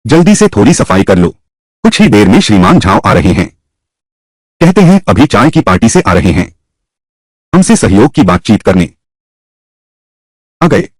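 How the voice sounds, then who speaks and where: Husky man dubbing every role. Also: sing-song, moderate pace, long pauses, darkish tone, dry recording. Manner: voices every character himself with shifting pitch. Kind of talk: single-voice dub of a drama.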